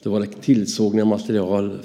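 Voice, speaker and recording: Anecdotal stories come from a Swedish man whose voice is low and mellow. He delivers them with animation, voicing the characters' dialogue as he goes.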